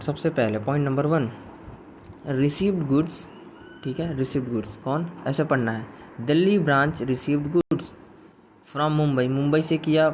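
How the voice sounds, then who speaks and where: A man's voice: medium pitch, a little hiss or hum. A man teaching a recorded accounting lecture in a chatty way, mixing in English terms and answering imagined questions from students.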